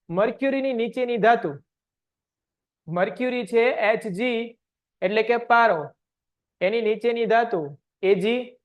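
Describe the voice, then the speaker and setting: A man teaches a science lesson online. He fires short questions at the class and answers them himself in a steady drilling rhythm. The audio is dull and lo-fi. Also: high-pitched.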